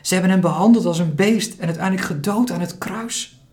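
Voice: medium pitch, a little fast, voice pushed up, natural voice. Een voorlezer die een gelovige moeder speelt die zacht en dringend fluistert. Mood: fervent. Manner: whispered, soft, urgent. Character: gentle, devout mother, whispering fervently.

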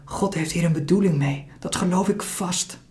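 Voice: mid-range voice, moderate pace, pitched above the performer's own voice, lightly acted. Een voorlezer die een gelovige moeder speelt die zacht en dringend fluistert. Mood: fervent. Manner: whispered, soft, urgent. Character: gentle, devout mother, whispering fervently.

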